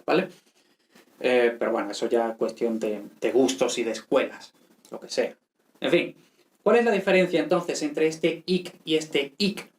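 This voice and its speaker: Patient man teaching Latin. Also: on the high side. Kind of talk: explanatory lesson.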